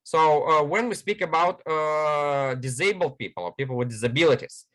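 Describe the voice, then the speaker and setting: Higher-voiced man giving a training lecture. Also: normal speed, fairly bright tone. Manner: explanatory, lists many examples, frequent hesitations.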